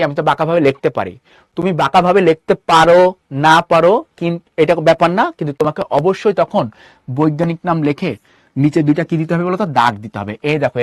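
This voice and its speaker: A man's voice: on the high side, dry recording, clean studio sound. A man with a Bangladeshi Bengali accent teaching a live online class, rattling off questions to his students. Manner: quick, repeatedly quizzing students with rhetorical questions. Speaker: online tutor.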